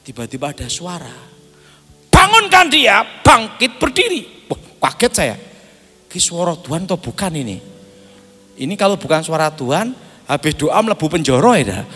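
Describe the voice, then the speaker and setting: A man's voice: a little high, brisk, husky. A man preaching a sermon, telling a personal testimony and acting out the dialogue with frequent laughter. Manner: animated storyteller, acts out dialogue, laughs often. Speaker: pastor. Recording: echoey hall with faint music.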